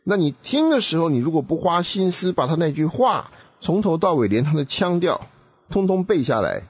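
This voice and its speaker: Husky, very animated man. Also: a little high, normal speed, dull audio. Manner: emphatic, instructive, rhetorical questions. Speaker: co-host giving advice.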